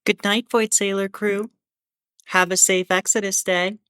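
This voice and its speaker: A woman playing a starship captain who gives formal, measured bulletins with dry asides in an audio drama. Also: medium pitch, flat delivery, fairly bright tone, no room sound, natural voice. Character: female starship captain reading an official ship bulletin. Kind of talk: scripted in-character announcement, audio drama.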